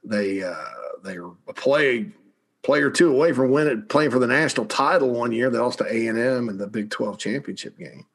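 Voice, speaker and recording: A man's voice: mid-range voice, a little fast, a bit bright, breathy edge. A man hosting a sports talk show, rambling through college football opinions with many restarts and asides. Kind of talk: casual sports talk commentary.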